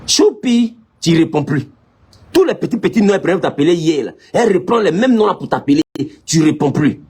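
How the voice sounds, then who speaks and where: A male pastor with an Ivorian French accent, preaching a lively sermon and teasingly scolding his listeners. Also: a little high, fairly quick, slightly rough.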